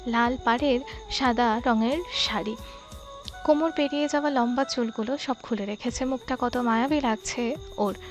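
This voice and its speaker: Woman, high voice, scripted narration, soft steady storytelling, faint music behind.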